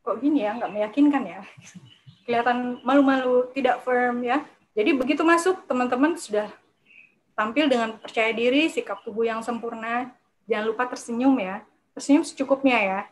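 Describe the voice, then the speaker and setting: A woman giving a lively public speaking workshop to a live audience, talking in a chatty way and acting out timid speakers. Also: a little high, moderate pace, slight background noise, rough recording. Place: lecture room with a live audience.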